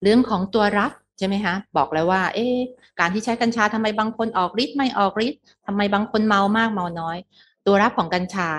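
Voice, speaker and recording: A woman's voice: medium pitch, a little hiss or hum. A middle-aged woman giving a medical lecture, explaining step by step with English terms and frequent polite particles.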